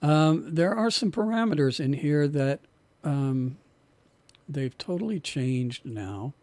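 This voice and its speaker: A man teaches an online recording class in a dark, mellow voice that is a bit worn from losing it. His talk is relaxed and loose, with repeated words as he explains. The sound is dry and close. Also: a little high, slow, no room sound. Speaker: music production instructor.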